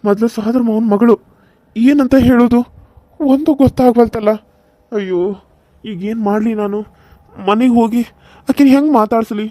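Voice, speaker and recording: A man's voice: very high voice, normal speed, pauses often, dark tone, no room sound. A man voicing a hot-tempered young husband in a cartoon serial, pleading and apologetic, with a North Karnataka Kannada accent. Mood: remorseful. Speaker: voice actor.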